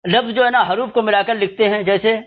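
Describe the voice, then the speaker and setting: A man giving a slow, explanatory spoken lesson, spelling out letters one by one. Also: sits high, steady tone, narrow, tinny audio. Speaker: teacher. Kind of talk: spoken lesson on script and pronunciation.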